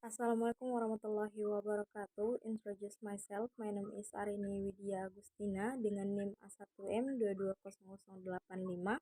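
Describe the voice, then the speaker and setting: A woman student giving a measured class presentation, switching between English and Indonesian. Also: medium pitch, little pitch movement, dark tone, slight background noise, low-quality recording.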